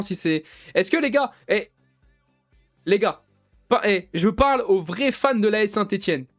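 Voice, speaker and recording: A young man streaming a football manager game, talking excitably in slang and constantly addressing his chat. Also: high voice. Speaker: gaming streamer. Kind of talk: live gameplay commentary.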